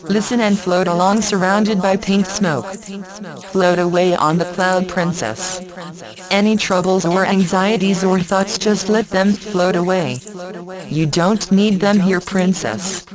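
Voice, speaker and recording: A woman speaking slowly and softly in a guided hypnosis recording, repeating phrases in a gentle, coaxing way. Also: medium pitch. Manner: slow, soft, repetitive, coaxing. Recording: voice layered with its own overlapping echo track.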